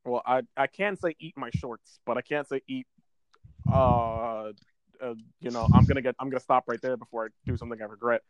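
A man's voice: mid-range voice, brisk, muffled recording. A man co-hosting a casual gaming podcast, rambling along and often tripping over his words. His voice sits in a middle register. The sound is dry and close, with no room echo. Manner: rambling, stumbles and restarts often. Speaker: podcast co-host. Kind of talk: casual chat about a video game.

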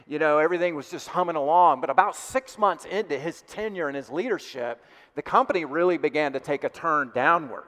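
A male pastor preaching a sermon in a relaxed, conversational way, with frequent fillers and restarts. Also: fairly high pitch, a little fast. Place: church sanctuary. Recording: long reverb of a church hall.

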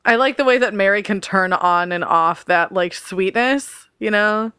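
A woman in casual podcast chat, chatty and giggly, quick with reactions. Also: mid-range voice, bright, forceful tone, clear, resonant tone, no room sound. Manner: quick backchannels, giggly interjections.

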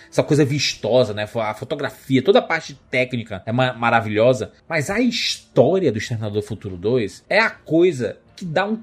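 Brazilian man, co-host, opinionated, husky, lively. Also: mid-range voice. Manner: emphatic, opinionated. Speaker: podcast co-host. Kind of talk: casual chat.

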